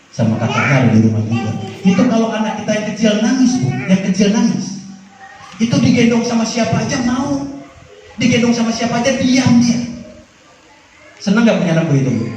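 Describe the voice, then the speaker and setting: A male preacher gives a lively sermon on parenting to mothers, his voice swinging between high and low. His tone is mellow and a little higher than most men's. The recording is dull and distant, with heavy echo from a large hall and faint noise underneath. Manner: animated, swings between high and low pitch, addresses audience as "Bu". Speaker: Islamic preacher.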